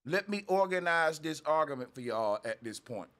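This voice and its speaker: Male panel host, pitched a bit high, pushy and emphatic, interrupts constantly. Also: animated, moderate pace, a bit bright. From United States. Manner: interrupts, emphatic, repeats phrases. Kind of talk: heated casual debate.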